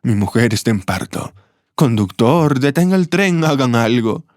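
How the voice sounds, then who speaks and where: A man's voice: medium pitch, lively intonation, normal speed, a little mellow, no echo, studio quality, lightly acted. A man voicing a frantic young husband, calling out and pleading in a storybook reading. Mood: panicked.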